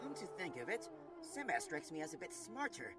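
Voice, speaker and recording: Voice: medium pitch, wildly swooping pitch, fairly quick. A performer playing a cocky, carefree young male blue hedgehog hero in a cartoon comic dub, talking in a breezy, teasing, slangy way. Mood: casual, teasing. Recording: loud music behind the voice. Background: music.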